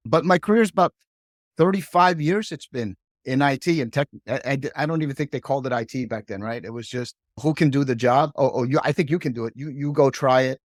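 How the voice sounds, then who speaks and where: A man's voice: medium pitch, brisk, no room sound. Chatty middle-aged man, dry close sound. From Hong Kong. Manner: chatty, keeps tagging "right?". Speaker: podcast guest. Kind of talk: casual storytelling.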